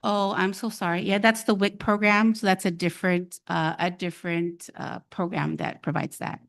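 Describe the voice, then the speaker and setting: A woman on a public panel walks the audience through program rules step by step, taking care to be clear. Her voice sits a little low. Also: flat delivery, normal speed. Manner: explanatory, careful, repeats "again".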